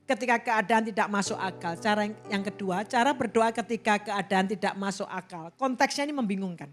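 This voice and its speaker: A woman pastor preaching a sermon in a church, lively and expressive, now and then acting out quoted voices. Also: medium pitch, brisk, soft background music.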